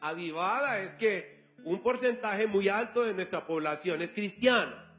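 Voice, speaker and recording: A man's voice: high voice, measured pace, fairly bright tone, soft background music. A male pastor preaching a sermon, telling a story and acting out the dialogue. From Colombia.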